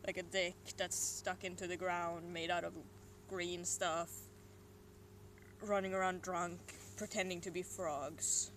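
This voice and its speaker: On a solo stream at home, a young adult from Sweden chats casually in a Swedish accent, rambling and dropping muttered and whispered asides. The voice is mid-range with little pitch movement, fairly bright and unhurried, and the room ambience is noisy.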